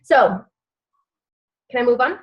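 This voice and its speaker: A woman's voice: fairly high pitch, animated, takes it slowly, lo-fi sound, slight background noise. Chatty upbeat woman leading a live training. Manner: chatty and upbeat, many fillers; gives step-by-step instructions, repeats key phrases. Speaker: direct-sales team leader. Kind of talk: live online training session.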